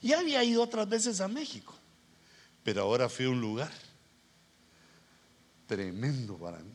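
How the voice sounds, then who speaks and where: A middle-aged man with a Guatemalan accent preaches as a pastor in a conversational sermon, telling anecdotes in an informal, colloquial style and acting out bits of dialogue. His mid-range voice is sing-song at a moderate pace, with slight background noise.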